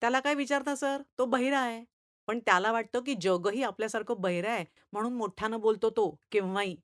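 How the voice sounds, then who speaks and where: A woman's voice: on the high side, brisk, no room sound, clean studio sound, close to an everyday voice. Woman voicing a cheeky schoolboy. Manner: innocent-sounding, cheeky replies. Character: cheeky boy student talking back to teacher. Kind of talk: storytelling reading.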